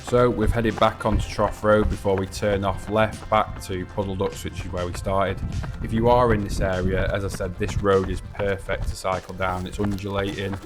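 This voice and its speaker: A man's voice: low-pitched, flat delivery, normal speed, hardly any pauses, music in the background. A man talking casually while running outdoors, hosting a trail running vlog. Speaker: vlog host. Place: outdoors on a trail and country road.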